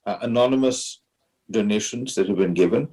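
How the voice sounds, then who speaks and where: A man speaks in a slightly low, husky voice with a polished, posh Indian accent. He explains things as an interview guest in a measured, articulate way, sometimes repeating a word as he goes. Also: warm tone, poor audio. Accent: educated, posh Indian English. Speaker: interview guest, alumni society president.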